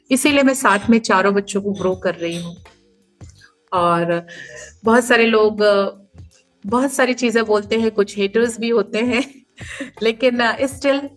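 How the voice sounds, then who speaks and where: Earnest woman guest giving emphatic advice. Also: medium pitch. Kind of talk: podcast interview answers.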